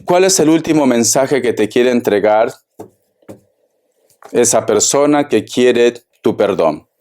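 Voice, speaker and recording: Guy doing a tarot reading, slow and deliberate, talks right to you. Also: medium pitch, lively intonation, darkish tone, a little hiss or hum. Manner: slow, deliberate, addresses the listener directly. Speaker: tarot reader.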